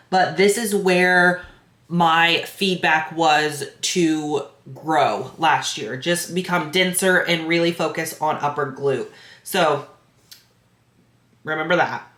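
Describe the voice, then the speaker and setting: In an echoey room, a congested bikini competitor and coach chats casually to her camera for a vlog recap, her speech peppered with fillers. Her stuffy-nosed voice sits on the low side and sounds a bit bright.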